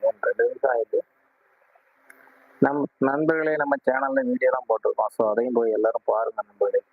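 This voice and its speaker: A man hosting a casual live stream, greeting viewers warmly and repeatedly asking them to like and subscribe. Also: mid-range voice, fairly even intonation, brisk, no echo. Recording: tinny phone-like sound.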